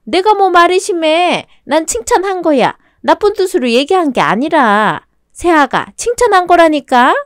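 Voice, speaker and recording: A woman's voice: sing-song, normal speed, no room sound, studio quality. A woman voicing a domineering older mother-in-law who talks down to her daughter-in-law in a scornful, needling way. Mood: scolding. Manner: scornful, needling, high-pitched.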